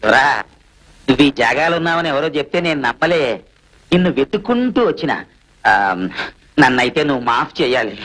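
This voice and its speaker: A man's voice: on the high side, animated, brisk, pauses often, fairly bright tone, rough recording. An actor playing a humble, deferential village man who speaks. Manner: deferential rustic dialect, calls others sir. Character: humble middle-aged village man, loyal servant. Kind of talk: Telugu film acting.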